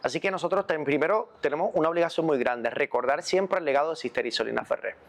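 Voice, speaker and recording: A Puerto Rican man, a priest, answering interview questions in a measured, reflective way and repeating phrases for emphasis. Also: on the high side. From Puerto Rico.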